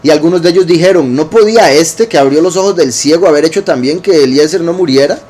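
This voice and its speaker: A man teaching scripture in a relaxed, conversational way, often checking in with listeners and rephrasing as he goes. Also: a little high, fast. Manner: informal, rephrases as he goes, asks "¿verdad?" often. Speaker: teacher of a congregation.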